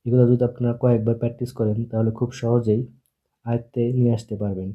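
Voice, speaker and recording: Husky male teacher on a tinny line. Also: mid-range voice, flat delivery. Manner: slow, patient, repeats each sound for practice. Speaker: German language teacher. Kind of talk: online language lesson.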